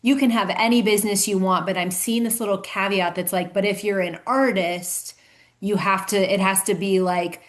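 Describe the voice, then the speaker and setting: Woman caller, mid pitch, unsure and halting. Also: fairly even intonation. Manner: hesitant, searching for words. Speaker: caller asking a question. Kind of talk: casual group video call.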